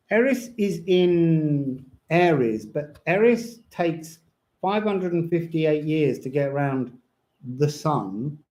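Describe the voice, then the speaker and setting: Warm in tone and a little high, a man rambles whimsically through tarot and astrology readings on a casual live stream from indoors at home. He occasionally breaks into song, and his speech is slightly slurred as his lips move over toothless gums.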